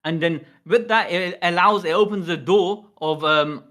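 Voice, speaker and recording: A man hosting a livestream, chatting casually and reading along, excitable, repeating himself and stumbling over words. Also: high-pitched, a little slow. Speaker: livestream host. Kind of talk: casual chat and manga read-along.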